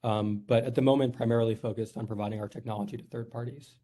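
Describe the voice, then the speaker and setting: A man's voice: medium pitch, fairly even intonation, fast, mellow. A man from New York, a company executive giving a formal presentation at a board meeting, earnest and polite, with frequent "uh"s. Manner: earnest, filler-heavy, polite.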